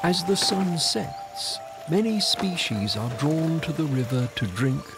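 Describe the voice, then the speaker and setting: A man reading scripted nature documentary narration in a measured storytelling manner. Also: fairly high pitch, big pitch swings. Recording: music under the voice. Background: background music.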